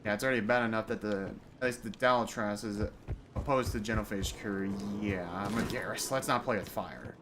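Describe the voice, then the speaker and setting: A man's voice: lowish voice, a little fast. A man giving casual video game playthrough commentary in short, muttered reactions and mild exclamations. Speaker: game streamer. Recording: clear game noise in background. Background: video game sound.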